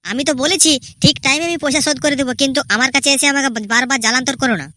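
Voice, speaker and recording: A woman's voice: high-pitched, rapid-fire, bright, forceful tone, no room sound, studio quality. A woman voicing an indignant young husband in debt who insists he will pay and tells his hecklers to leave him alone. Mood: defensive. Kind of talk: cartoon comedy dubbing.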